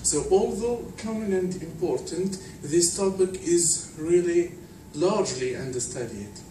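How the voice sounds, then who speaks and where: A man from Tunisia giving an academic conference talk, measured and explanatory with frequent fillers. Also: high-pitched, animated. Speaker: conference speaker. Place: conference hall. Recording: distant, echoey hall with noise.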